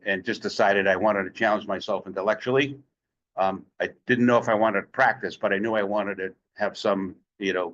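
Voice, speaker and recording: A retired attorney in his sixties introducing himself on a law school panel, relaxed and self-deprecating with a dry sense of humor. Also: lowish voice. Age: 60s. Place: law school lecture room. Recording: dull lo-fi recording.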